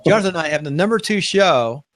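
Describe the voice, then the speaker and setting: A man hosting a live online talk show, chatting casually in a rambling, upbeat way and pitching his ideas to guests. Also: fairly quick, no echo, studio quality. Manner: rambling, upbeat, self-promoting. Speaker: podcast host. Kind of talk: casual live-stream chat.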